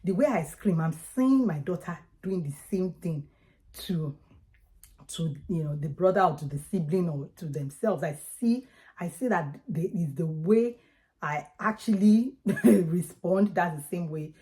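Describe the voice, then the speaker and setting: Nigerian woman w yoruba accent, lowish soft-edged mellow voice, chatty advice to camera, makes her points with emphasis. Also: expressive, unhurried, poor audio. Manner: emphatic, conversational, acts out examples. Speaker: parenting vlogger. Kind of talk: casual advice talk to viewers.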